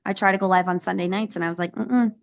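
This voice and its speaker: A woman's voice: fairly low pitch, flat delivery, racing, muffled recording. A woman taking part in a live coaching session, talking casually and laughing as she answers the coach. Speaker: coaching participant. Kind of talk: casual chat.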